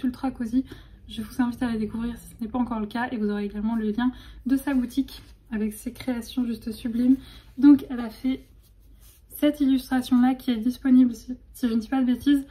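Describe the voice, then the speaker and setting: A young woman vlogging in a casual, chatty way, her voice sitting a little high and sounding soft and mellow. She talks excitedly, with lots of little fillers and restarts as she goes. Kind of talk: casual vlog chat.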